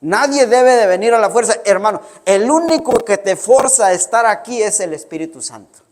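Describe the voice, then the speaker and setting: A man's voice: sits high, lively intonation, moderate pace, big-room sound. A middle-aged Mexican man preaching a sermon in a conversational way, repeating words and using many fillers. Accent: Mexican Spanish.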